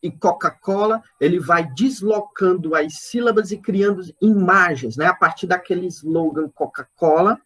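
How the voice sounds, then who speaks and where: Slow, searching Brazilian lecturer, a man. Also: high voice, fairly bright tone. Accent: Brazilian Portuguese. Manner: talks slowly and searchingly, repeating words and checking in with "né?"; counts out poetic syllables and stresses aloud. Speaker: literature lecturer. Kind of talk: online lecture on poetry.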